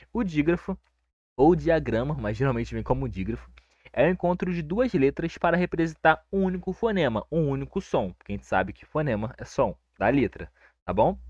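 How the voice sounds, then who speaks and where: A young Brazilian man teaching a casual grammar lesson, relaxed and reassuring, checking in with his listeners all the time. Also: a little high, dry recording. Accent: Brazilian Portuguese. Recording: dry, dull lo-fi recording.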